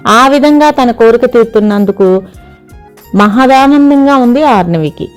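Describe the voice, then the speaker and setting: A woman reading a family story aloud as the narrator of an audiobook channel, steady and expressive. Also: fairly high pitch, measured pace, faint music behind.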